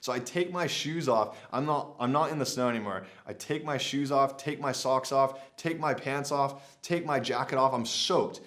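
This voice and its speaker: This young man, an adventure vlogger, has a medium-pitched voice and talks at normal speed with hardly any pauses. Telling a story casually to the camera, he stays animated, uses many "like" fillers, and acts out quotes of his own earlier lines.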